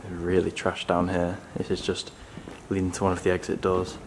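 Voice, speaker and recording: Low flat-voiced man exploring an empty mall. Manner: low-key, thinking aloud with pauses. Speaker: urban explorer. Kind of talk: casual on-site commentary. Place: large empty abandoned shopping centre indoors. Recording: steady background noise.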